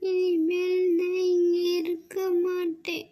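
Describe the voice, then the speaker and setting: A woman's voice: extremely high pitch, monotone, warm tone, pitched above the performer's own voice, exaggerated voice. A woman playing a tearful little girl. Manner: slow, plaintive pleading. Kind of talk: family skit acting.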